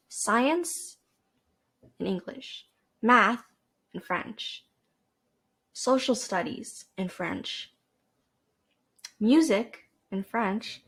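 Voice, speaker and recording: A woman's voice: medium pitch, a bit bright, breathy edge. Young canadian woman just rambling on her podcast, chatty, self-deprecating, lots of likes and restarts, desk mic. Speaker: podcast host. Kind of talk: casual rambling monologue. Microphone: desk microphone with a cord.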